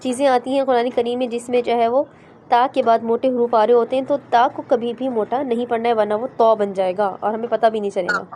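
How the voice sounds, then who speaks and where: A woman with a fairly high, mellow voice teaches recitation in a class. She explains each letter patiently, step by step, and slowly sounds out the syllables for her students to repeat. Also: level tone, slight background noise. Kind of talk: online class explaining pronunciation.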